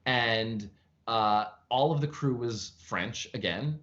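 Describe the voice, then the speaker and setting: Animated chatty man on video call. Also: takes it slowly, muffled recording. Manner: animated storytelling with lively pitch jumps; frequent fillers and restarts, chatty. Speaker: actor, interview guest. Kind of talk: casual interview over video call. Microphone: video call from home.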